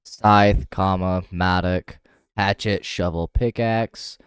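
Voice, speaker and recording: A man's voice: low-pitched, fairly even intonation, slow, clean tone, no echo. A man chatting casually while playing a game with friends, often reading item names aloud in a playful way. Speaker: gamer. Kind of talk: casual gaming chat.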